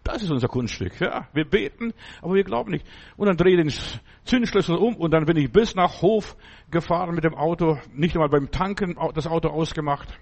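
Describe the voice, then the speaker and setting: A man's voice: a little high, fairly quick, vocal fry. A middle-aged man preaching a sermon in a folksy, rambling way, often asking his listeners whether they understand.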